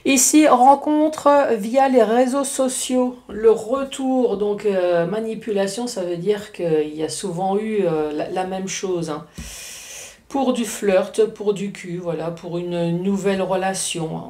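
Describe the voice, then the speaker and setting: A woman's voice: medium pitch, slow pace, mellow, roomy sound. A woman with an Alsatian accent giving a casual tarot reading, chatty and joking, with frequent tag words. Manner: chatty, joking asides, frequent "hein" tags. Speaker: card reader.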